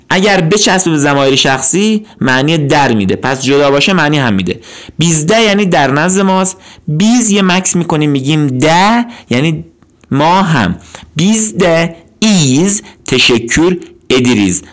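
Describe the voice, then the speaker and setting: A man with a slightly higher voice teaches a language lesson. His pitch moves a lot as he says each word slowly, repeats it patiently and then explains its meaning. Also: a bit bright.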